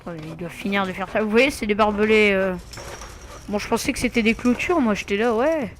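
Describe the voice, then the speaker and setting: A man's voice: high voice, a little fast, fairly bright tone, a little hiss or hum. A man giving casual gameplay commentary, muttering to himself with asides and mild swearing. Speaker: let's play gamer.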